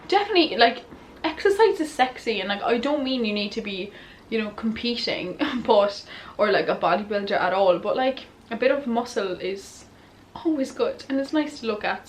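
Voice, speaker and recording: A woman's voice: mid-range voice, a bit bright, a little hiss or hum. A young woman answering follower questions in a casual, candid, giggly and tipsy chat. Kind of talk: casual chatty Q&A to camera.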